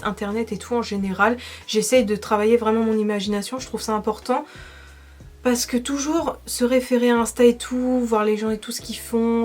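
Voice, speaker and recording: A young woman with a French accent, a makeup vlogger chatting casually to camera as she answers viewer questions, enthusiastic and full of fillers. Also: medium pitch.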